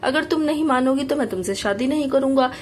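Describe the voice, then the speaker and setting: A woman's voice: sits high, a little fast, a little hiss or hum, lightly acted. A woman voicing an exasperated young man who answers his girlfriend dryly and firmly.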